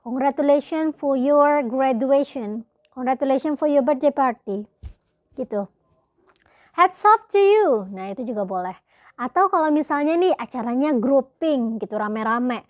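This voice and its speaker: A woman's voice: high voice, a little mellow, no echo, studio quality. Chatty Indonesian woman teaching English. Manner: chatty, switches between casual explanation and slow drilled example sentences. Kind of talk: online lesson explaining grammar.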